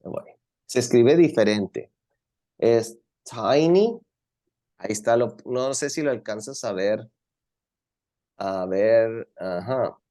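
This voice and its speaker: In an online lesson on English comparatives, a man speaks at a medium pitch with a dark tone, taking it slowly with long pauses. He moves between languages and repeats words patiently for the class.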